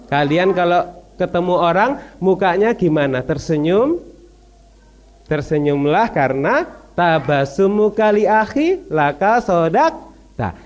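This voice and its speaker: A man telling a religious story to children in an animated, playful way, often asking them questions. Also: high voice.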